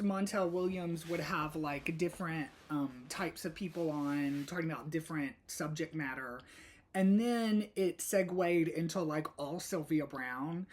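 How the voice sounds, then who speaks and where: A woman hosting a casual solo podcast, chatty and rambling, with frequent fillers. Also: on the low side. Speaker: podcast host.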